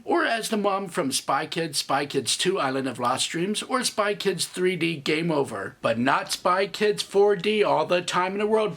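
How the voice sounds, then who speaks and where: A man's voice: fairly high pitch, gravelly, a bit bright, slightly rough. A man in his thirties giving a comedic movie review with snarky, sarcastic asides. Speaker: film reviewer.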